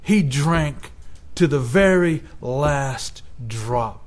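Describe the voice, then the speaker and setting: A man's voice: a little high, lively intonation, drawn-out words. A man preaching a sermon in an earnest way, rising with emphasis when he quotes scripture. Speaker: pastor.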